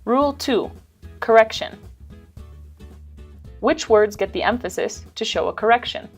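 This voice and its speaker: A woman with a fairly high voice narrates a scripted English lesson. She speaks clearly and at a measured pace, stressing the key words. Faint music plays underneath. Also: expressive. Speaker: instructor.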